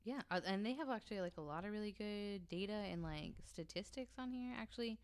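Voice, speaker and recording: This podcast panelist speaks fairly quickly at a medium pitch, with lively intonation. Her talk is casual and blunt panel chat, and at times she reads information aloud from web pages.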